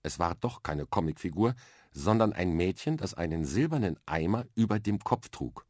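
A man reading a children's story aloud, with lively, expressive narration at a close studio mic. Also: deep voice, moderate pace, dry recording. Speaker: reader.

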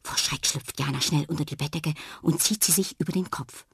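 A woman reads a children's story aloud in a calm, even manner. Her voice is low and husky. The recording is close and dry. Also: a little fast, dry recording.

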